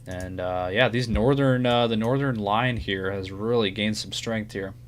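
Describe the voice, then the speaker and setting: A man with a slightly low voice hosts live weather coverage. He gives casual, unscripted updates, with a faint hum behind him. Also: a little slow. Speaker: severe weather livestream host.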